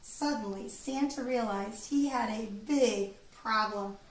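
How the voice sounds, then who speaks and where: A woman with a slightly high voice reads a children's storybook aloud, telling it expressively and deliberately. The room is echoey, the mic distant, and there's background noise.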